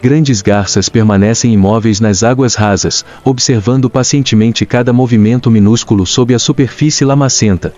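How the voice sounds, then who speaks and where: A man with a Brazilian accent reads scripted nature documentary narration in a measured, dramatic storytelling way. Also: mid-range voice, darkish tone. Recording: dull lo-fi sound with music. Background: clear background music.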